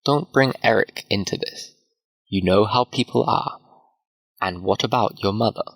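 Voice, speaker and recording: A man voicing a stern, cold middle-aged father who lectures his daughter, in a slow read-aloud manner. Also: fairly low pitch, creaky, fairly bright tone, low-quality recording. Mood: cold, lecturing.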